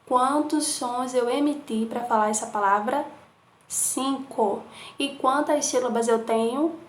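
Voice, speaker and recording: A young woman teaching a lesson, spelling words out slowly and checking in with "tá certo?" often. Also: fairly high pitch, roomy sound, slight background noise. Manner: slow syllable-by-syllable enunciation with frequent "tá certo?" checks. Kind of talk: remote class lesson.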